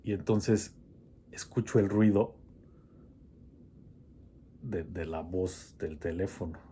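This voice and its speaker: Guy telling a scary story from his life, slow and kinda low, lots of restarts. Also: mellow, a little hiss or hum. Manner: hesitant, with many restarts and hedges. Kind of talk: personal horror story told casually.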